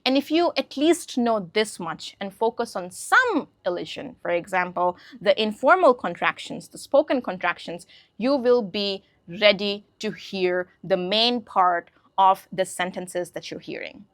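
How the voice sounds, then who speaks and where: A Hindi-speaking woman teaches English casually to camera, talking easily and often pausing to check that her listeners are following. Her mid-pitched, fairly bright voice has lively intonation and an unhurried pace, recorded close and dry with no room sound.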